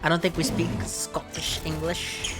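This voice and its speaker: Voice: medium pitch, monotone, measured pace, music in the background. A host chatting casually while playing a game, dry and matter-of-fact, prone to tangents. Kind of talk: casual gameplay banter.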